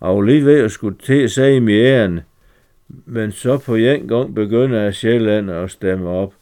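A man's voice: fairly low pitch, mellow, lightly acted. A man voicing a fumbling, muddled older male farmer who searches for words as he reads a dialect story aloud. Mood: rambling.

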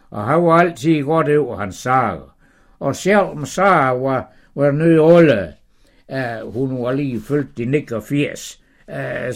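An older man telling a Bible story in a folksy, lively way, dropping his voice on asides. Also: mid-range voice.

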